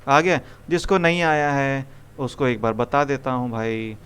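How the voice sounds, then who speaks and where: A man's voice: mid-range voice, measured pace, a bit bright, clean tone. A young man teaching programming to a live classroom, coaxing students with repeated questions. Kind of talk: live classroom coding lesson.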